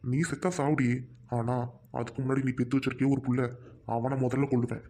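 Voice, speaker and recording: Man as a gruff, threatening village patriarch who cares only for property. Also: mid-range voice, level tone, fairly quick, dark tone, natural voice. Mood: menacing. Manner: gruff, menacing orders. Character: greedy, threatening village husband and father. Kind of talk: amateur family drama acting.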